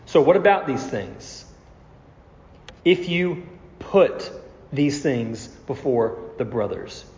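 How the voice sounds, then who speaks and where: Fairly high and a little mellow, the voice belongs to a pastor recovering from a cold who teaches his congregation through the Bible one step at a time, with explanations and rhetorical questions. The sermon was captured in a large hall, giving echoey reverb and a slightly dull sound.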